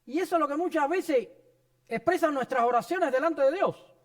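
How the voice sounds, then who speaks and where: A man's voice: very high voice, normal speed. A man preaching a sermon in a church, earnest and personal, sharing his own story and addressing the congregation as brothers. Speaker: pastor.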